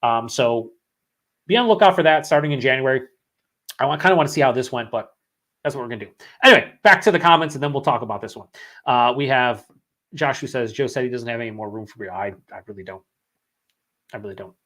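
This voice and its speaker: A man's voice: medium pitch, lively intonation, fast talker, fairly bright tone. A man with a sore throat after hours of talking, hosting a live beer-review stream, rambling and swearing as he reads chat comments aloud.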